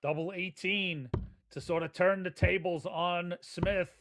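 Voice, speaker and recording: A man's voice: sits high, fairly even intonation, a little slow, fairly bright tone. A man giving live darts commentary in a conversational, folksy way. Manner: conversational, folksy turns of phrase.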